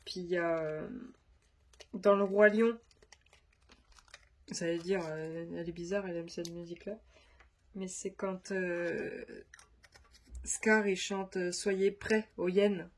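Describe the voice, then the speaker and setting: A woman's voice: lowish voice, fairly even intonation, slow pace, long pauses. A woman vlogger chatting casually to camera, her voice nasal from a stuffy nose, rambling with many fillers. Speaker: crafts vlogger.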